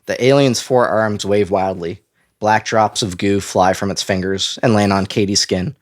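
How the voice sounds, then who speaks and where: A man's voice: fairly low pitch, fairly even intonation, normal speed. A man from Nova Scotia co-hosting a casual podcast and reading a kids' book aloud. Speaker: podcast co-host.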